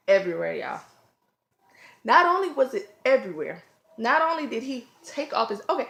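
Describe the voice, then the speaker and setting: A woman, a mother and vlogger, telling a casual storytime at home with loud, animated acted-out quotes and screams. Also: on the high side, reverberant. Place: home, room with children around.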